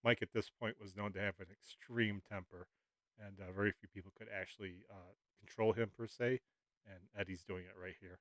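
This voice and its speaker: A man hosting a reaction video, giving casual, halting commentary full of filler words. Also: on the low side, steady tone, a bit bright, no echo. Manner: hesitant, many "uh"s.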